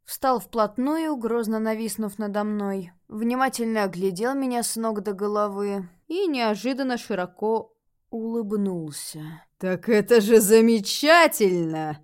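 A woman narrates a first-person audiobook with an expressive, lively reading. Her voice sits in a middle register. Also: mid-range voice, unhurried.

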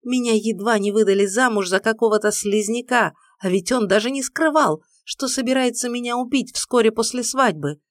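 Woman reader doing fiery young heroine, voice up high and loud, upset and pleading, dry sound. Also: moderate pace, hardly any pauses, no room sound, natural voice. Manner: agitated, pleading, high-strung outbursts.

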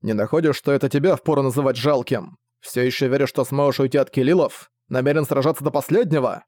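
A man's voice: mid-range voice, fast talker, a little mellow, dry recording, lightly acted. Man playing a resolute young prince. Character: determined young prince fighting his brother.

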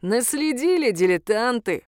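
A woman's voice: on the high side, expressive, measured pace, darkish tone, dry recording, studio quality, pitched above the performer's own voice. A woman reading a sardonic male demon. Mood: grumbling. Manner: grumbling, mocking, curt. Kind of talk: audiobook character reading.

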